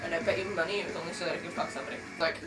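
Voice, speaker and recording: A woman's voice: on the low side, fairly even intonation, rapid-fire. A woman chatting casually on camera with a friend, giggling, teasing and cracking crude jokes, recorded on a webcam at home. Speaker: vlogger. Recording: roomy, distant webcam sound with music behind.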